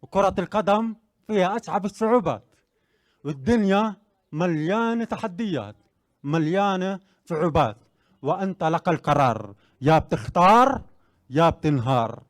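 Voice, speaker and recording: A young man speaks with earnest, building conviction, his voice sitting fairly high. The sound is dry and close, with no room around it. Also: lively intonation, moderate pace, long pauses, dry recording. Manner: earnest, rising to emphatic declarations. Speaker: interviewee sharing his story. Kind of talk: personal testimony and motivational speech.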